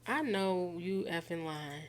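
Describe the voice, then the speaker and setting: A woman's voice: fairly low pitch, animated, slow pace. A woman streamer playing a game, reading its text aloud and reacting in a casual, slangy, incredulous way. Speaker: gaming streamer.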